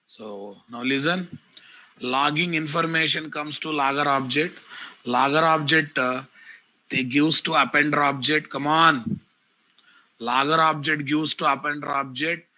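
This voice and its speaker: A man with a Telugu Indian English accent teaching a live online software class, repeating phrases and addressing his students directly. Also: on the high side, unhurried, low-quality recording. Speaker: programming teacher.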